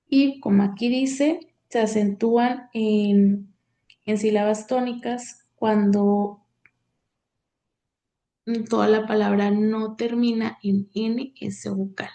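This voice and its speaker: Slow, gravelly woman teacher. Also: mid-range voice, dark tone. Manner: halting, many fillers, reads from slides. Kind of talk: slide lecture on accent rules.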